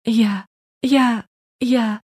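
A tearful young woman who keeps stammering through sobs, voiced by a woman reading a novel aloud. Her voice rides higher and a little louder than the narration. The recording is close and dry. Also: lively intonation, moderate pace, breathy edge, no room sound. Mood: tearful panic. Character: sobbing panicked young woman friend.

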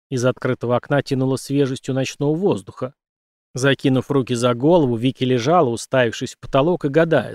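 A man narrating an audiobook in a steady, even reading voice. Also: medium pitch, dry recording, clean studio sound. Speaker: audiobook reader. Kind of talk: scripted narration.

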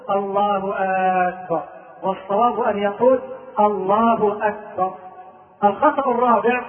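Man, Egyptian accent, preacher, religious lesson, high voice, chanted demonstrations, tinny phone-like sound, echoey and far off. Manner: explains, then chants and drawls examples to demonstrate. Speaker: Islamic preacher. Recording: distant, echoey, phone-like old tape recording.

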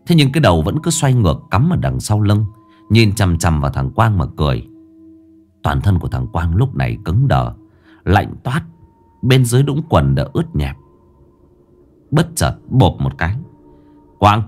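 A man tells a ghost story in a low voice, building suspense. His delivery rises and falls in a very lively way. Faint music plays under him. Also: normal speed, long pauses. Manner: expressive, rising and falling for suspense. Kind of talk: dramatic horror story narration.

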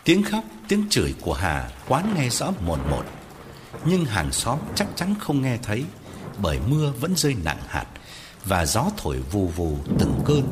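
A man narrating a Vietnamese horror story with an expressive storyteller's manner. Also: mid-range voice, unhurried, background noise.

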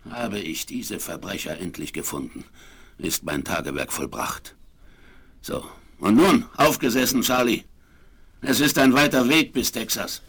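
An actor in a German radio play playing a gruff, vengeful frontiersman with a rough voice and hearty, old-fashioned talk. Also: on the low side, unhurried, a bit bright, heavily acted. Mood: grim, vengeful. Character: gruff, vengeful frontiersman who hunts his enemies. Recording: 1970s vinyl radio play.

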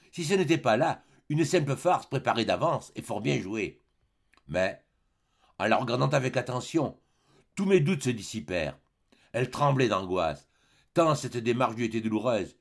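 A male narrator reading a classic tale as an audiobook. His delivery is dramatic and expressive, with a widely varied, animated pitch at a mid register. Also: vocal fry.

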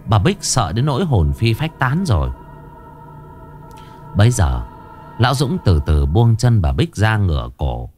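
A man's voice: on the low side, moderate pace, few pauses. A man narrating a horror story expressively. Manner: expressive, animated. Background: faint music.

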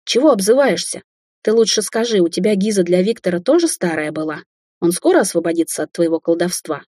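A woman voicing a teasing, vengeful young woman in an audiobook, speaking in a mocking, lively way. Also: fairly low pitch, brisk, no room sound, clean studio sound. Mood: indignant. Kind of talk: audiobook character voice.

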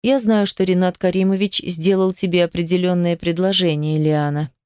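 A woman voicing a middle-aged female ballet company director who speaks in a measured, quietly pressing way. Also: lowish voice, steady tone, clear, resonant tone, dry recording, clean studio sound, natural voice. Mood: persuasive.

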